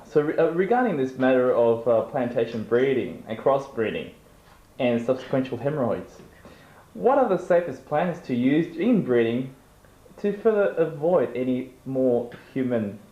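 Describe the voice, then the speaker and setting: A man's voice: medium pitch, very animated, moderate pace, mellow. A man asking long-winded, mock-formal questions in an improvised comedy interview. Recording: roomy and dull.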